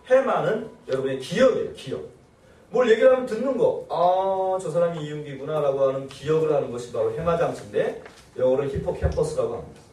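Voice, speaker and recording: A man, a pastor, giving a lively church seminar and acting out nagging quotes in shrill voices. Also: echoey room, far from the mic. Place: church hall.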